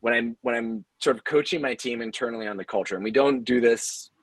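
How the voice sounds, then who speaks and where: The leader of an audio drama company sits on a panel, explaining in an earnest, conversational way how he runs his team. His voice is medium in pitch and brisk, with no room sound.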